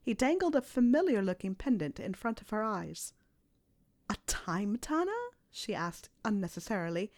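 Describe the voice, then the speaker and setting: A woman narrating a story aloud in a measured, soft storytelling delivery. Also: mid-range voice, very animated. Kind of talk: reading fan fiction aloud.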